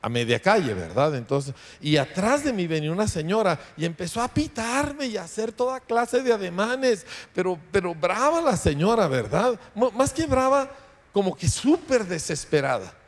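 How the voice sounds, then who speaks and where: Pastor preaching in a reverberant hall. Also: male voice, high voice, sing-song, moderate pace. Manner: conversational preaching with frequent rhetorical "¿verdad?". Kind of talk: sermon.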